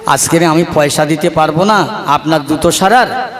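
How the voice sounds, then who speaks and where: A preacher plays a poor barefoot schoolboy, timid and pleading, his words small and humble. A high voice heard in a roomy hall with long, booming reverb. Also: moderate pace, a crowd in the background, close to an everyday voice. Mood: meek pleading. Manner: meek, pleading.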